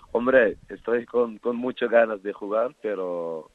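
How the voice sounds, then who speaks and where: A middle-aged man from the Netherlands, a former footballer turned coach, talking as a guest in a radio interview, relaxed and halting, with many fillers and restarts. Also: on the low side, a little hiss or hum. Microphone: phone. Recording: tinny phone line.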